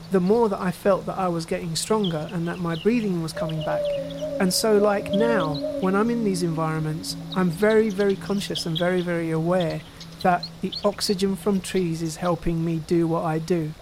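A man who is a composer and sound artist, speaking in a relaxed, reflective interview with fillers like "you know". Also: sits high, moderate pace, background noise.

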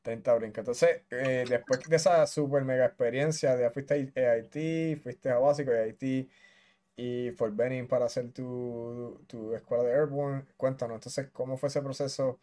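Conversational host. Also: male voice, mid-range voice, fairly even intonation, normal speed, warm tone. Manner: conversational, explains jargon to listeners, frequent affirmations. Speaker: podcast host. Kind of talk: casual interview.

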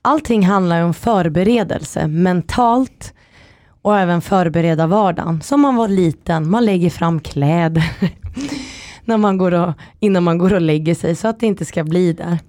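A woman guest on a chat podcast telling stories in a lively way, acting out quotes. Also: fairly low pitch, dry recording, clean studio sound. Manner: lively storytelling, acts out quotes. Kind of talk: casual chat.

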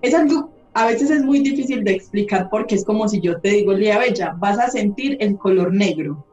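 A woman's voice: medium pitch, lively intonation, moderate pace, a little mellow. A woman, a holistic therapist, talking in a candid podcast chat and swearing casually as she tells stories. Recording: roomy, slightly dull sound, faint music.

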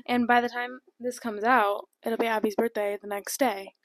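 Playful young woman with a gravelly edge. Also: fairly high pitch, flat delivery, normal speed, no echo, clean studio sound. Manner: teasing, playful, lots of "like". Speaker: podcast co-host. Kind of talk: casual chat.

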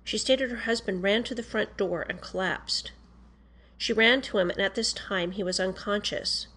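A woman reading a police interview report aloud in a formal, measured, matter-of-fact way. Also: mid-range voice, bright, forceful tone.

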